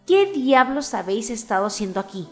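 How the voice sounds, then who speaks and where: Lady doing a bossy raging storybook queen, shrill and high, snaps out orders, faint music behind. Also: expressive, fairly quick, natural voice. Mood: furious. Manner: shrill, barking commands. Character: furious imperious queen of cards, shouting orders. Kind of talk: storybook reading.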